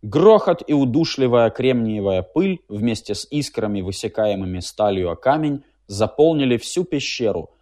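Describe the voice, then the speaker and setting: A man narrating a literary tale in a measured, dramatic storytelling manner. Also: mid-range voice, expressive, warm tone. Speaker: audiobook reader.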